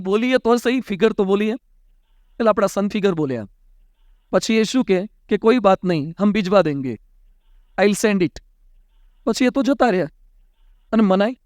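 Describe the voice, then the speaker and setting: A man's voice: high-pitched, darkish tone, clear, resonant tone, no echo, clean studio sound. A man, a monk giving a sermon, telling anecdotes in a conversational way and acting out the dialogue. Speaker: monk giving a religious discourse. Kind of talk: storytelling sermon.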